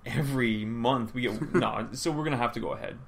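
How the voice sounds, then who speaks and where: A man's voice: mid-range voice, a little fast, creaky. A man co-hosting a podcast in casual chat, tired and yawning, rambling and restarting his sentences as he speculates. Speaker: podcast co-host.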